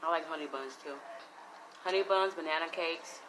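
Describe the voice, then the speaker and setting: A woman's voice: sits low, normal speed. A woman in her thirties chatting casually with her son in a home vlog, easygoing and prompting him with questions. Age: 30s. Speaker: vlogger. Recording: noisy home recording.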